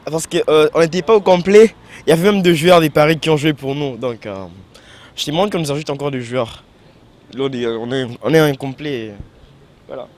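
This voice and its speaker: A man from Kinshasa answering interview questions about his rugby team, speaking haltingly with fillers. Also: fairly high pitch, darkish tone. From Kinshasa, Congo. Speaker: rugby player.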